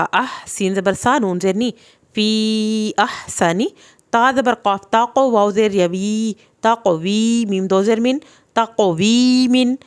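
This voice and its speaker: A young woman teaching Quran reading, slowly sounding out each letter and vowel mark syllable by syllable and then explaining the rules. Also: medium pitch. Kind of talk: slow spelled-out recitation lesson.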